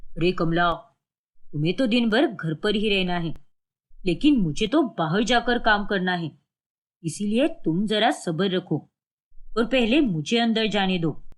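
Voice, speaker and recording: A woman voicing an impatient husband and father in an animated cartoon, pleading in a hurried way. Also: mid-range voice. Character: impatient father of a poor family.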